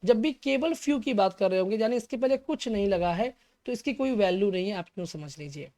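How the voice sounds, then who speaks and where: Teaching English grammar to exam students, this man speaks in a high, dark voice with lively intonation. He explains things step by step, asks and answers his own questions, checks in with "okay" after every point, and slows to spell out key English terms.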